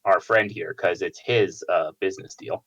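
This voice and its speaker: A man taking part in a tabletop game, halting and hesitant as he weighs his words. His voice sits low and comes through a dull, lo-fi voice chat line. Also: fairly bright tone. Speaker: player.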